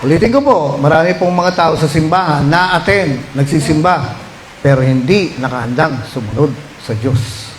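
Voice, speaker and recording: High-voiced Filipino pastor telling a story. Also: male voice, moderate pace, a little hiss or hum, rough recording. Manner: animated, rising to shouts when voicing pleas. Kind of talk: storytelling sermon.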